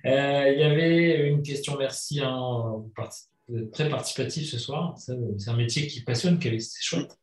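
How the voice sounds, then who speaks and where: A man's voice: medium pitch, normal speed. A man hosting a live panel talk show in a casual, conversational way. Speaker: host of a wine talk show. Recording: roomy echo, distant mic.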